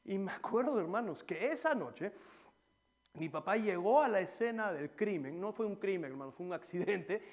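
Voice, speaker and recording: A man preaching a sermon in church, swinging between loud exhortation and quiet personal stories. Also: sits high, lively intonation, moderate pace. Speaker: pastor.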